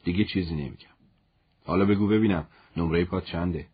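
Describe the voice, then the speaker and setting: Brief: man voicing a humble commander, gentle and teasing, low husky voice in a storybook. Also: lo-fi sound. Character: calm male war commander, teasing and humble.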